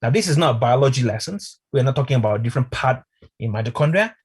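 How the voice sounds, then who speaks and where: Husky-voiced man giving online product training. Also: medium pitch, lively intonation, quick pace. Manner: chatty, addresses viewers as "my friend".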